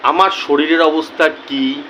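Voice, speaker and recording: A man talking earnestly to his viewers as a YouTuber, slow and deliberate, often repeating key words for emphasis. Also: a little high, steady tone, sharp tone, a little hiss or hum, low-quality recording. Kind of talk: earnest casual talk to camera.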